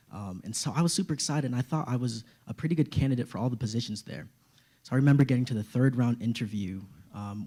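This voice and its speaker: Young man with a mellow warm voice. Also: medium pitch. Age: young adult. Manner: earnest, storytelling, persuasive. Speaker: student vice-presidential candidate. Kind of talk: debate answer. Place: debate stage.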